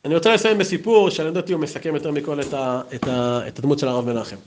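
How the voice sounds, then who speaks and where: Lively storytelling man, higher voice. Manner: lively, storytelling, acts out quotes. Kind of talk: anecdotal memorial talk.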